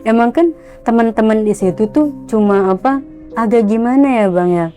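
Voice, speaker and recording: A young woman excitedly telling a ghost story, acting out the voices of the people in it. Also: fairly high pitch, moderate pace, soft background music. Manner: excited, animated, acts out quotes. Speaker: guest storyteller.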